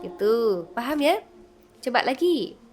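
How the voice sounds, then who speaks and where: A woman teaching Quran recitation melody, explaining softly and then singing verses louder and higher as examples. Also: very animated, a little slow. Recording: echoey room with long reverb.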